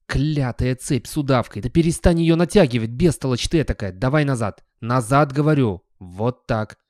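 A man's voice: medium pitch, expressive, normal speed, mellow, dry recording, clean studio sound, voice pushed up, lightly acted. A man voicing a grumpy, scruffy old talking dog who grumbles, wheezes and talks with sarcasm. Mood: bossy.

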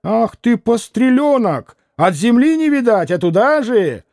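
A man voicing a loud, scolding woman market trader, not yet old, in an audiobook. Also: very animated, unhurried, dry recording, studio quality, exaggerated voice. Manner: shrill, scolding.

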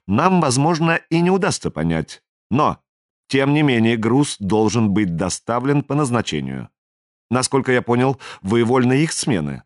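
A man voicing a businesslike alien stranger in an audiobook, speaking in a measured, persuasive and authoritative way. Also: lowish voice, no echo, studio quality. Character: smooth, businesslike male alien stranger, commanding. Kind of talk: audiobook character reading.

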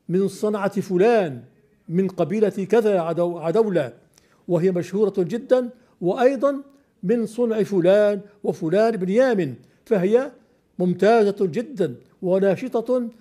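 A man's voice: sits high, dark tone. An older man teaching classical Arabic poetry, explaining step by step and questioning his student.

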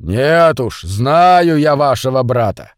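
A man voicing a gruff old yard caretaker who speaks slowly in a stern booming bass. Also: sing-song, no room sound, clean studio sound.

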